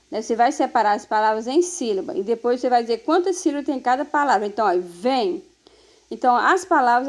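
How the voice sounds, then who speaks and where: A woman teacher, giving a recorded class lesson to young pupils, explaining slowly and patiently and often checking in with short tag questions. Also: a little high. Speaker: primary school teacher.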